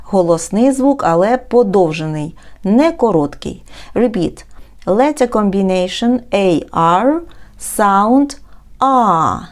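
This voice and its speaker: Slow, deliberate woman tutor. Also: mid-range voice, expressive. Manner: slow, deliberate drilling of words with repetitions. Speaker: English tutor. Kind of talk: recorded language lesson.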